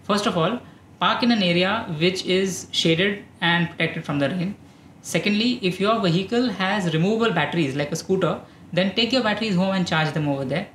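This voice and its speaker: Indian english guy in his 30s hosting an explainer, calm and steady, bit of room echo. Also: high-pitched, moderate pace, a little hiss or hum. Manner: calm, informative, steady delivery. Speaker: EV channel host. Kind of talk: explainer talking to camera. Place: dark studio, indoors.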